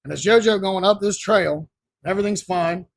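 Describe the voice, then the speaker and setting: A man's voice: sits high, moderate pace, creaky, no room sound. A man telling long, rambling stories in a laid-back, casual way as a podcast guest. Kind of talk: casual storytelling.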